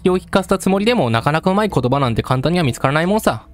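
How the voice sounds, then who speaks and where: Male streamer doing a coarse, menacing storyteller, fast and lively. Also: a little high, faint music behind, close to an everyday voice. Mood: taunting. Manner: gruff, coarse street speech, addressing the listener directly. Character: rough-talking male storyteller, menacing and taunting. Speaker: game let's-play narrator.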